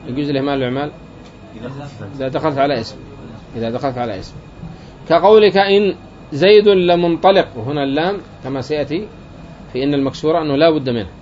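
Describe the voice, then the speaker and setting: A man's voice: a little high, a little mellow, slight background noise. Lo-fi recording of a man lecturing. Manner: explains step by step, repeating key phrases and asking the class rhetorical questions. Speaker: teacher of Arabic grammar. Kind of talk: classroom lecture. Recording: dull lo-fi recording.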